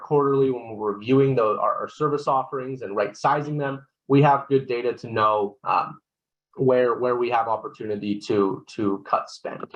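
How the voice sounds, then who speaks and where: A man presenting a software product walkthrough on a webinar. He explains steps one by one, keeps checking in with "right?", and often restarts his sentences. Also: medium pitch, muffled recording. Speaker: solution consultant presenting a software demo.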